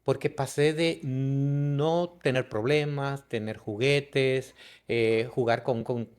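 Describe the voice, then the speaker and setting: Dominican man, interview guest, halting storyteller, mid pitch. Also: steady tone, darkish tone, clean tone. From Dominican Republic. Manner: halting, frequent restarts and fillers. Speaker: guest, business consultant. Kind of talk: conversational storytelling.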